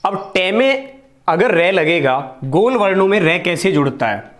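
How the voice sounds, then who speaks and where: Higher-pitched man teaching, repeating himself. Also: very animated. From India. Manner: explains slowly, repeats key words, asks and answers his own questions. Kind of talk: Hindi grammar lesson.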